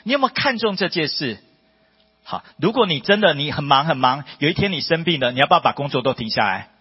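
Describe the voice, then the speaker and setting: A fairly high-voiced man preaching in a church hall, his pitch leaping up and down as he drives home his points. His voice is a little husky, and long reverb trails each phrase on a dull, lo-fi recording. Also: fast talker. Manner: emphatic, rhetorical questions, rising to high excited peaks. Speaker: preacher giving testimony. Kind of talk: sermon testimony.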